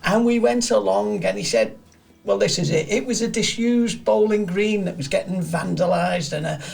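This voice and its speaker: A man's voice: high voice, normal speed, gravelly, a little mellow. A middle-aged man with a Liverpool accent, chatting as an interview guest in a studio and telling stories, often repeating words as he starts. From Liverpool area, England. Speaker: guest, community garden director. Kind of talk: casual interview chat.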